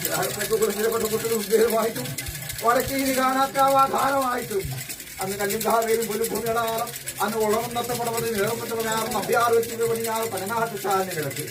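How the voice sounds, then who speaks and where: High-pitched possessed woman oracle, north Kerala accent. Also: fairly even intonation, a little fast. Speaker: ritual oracle speaking as a deity. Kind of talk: ritual oracle address, chanted declamation. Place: at a live temple ritual, distant mic. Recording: distant, noisy field recording of a ritual.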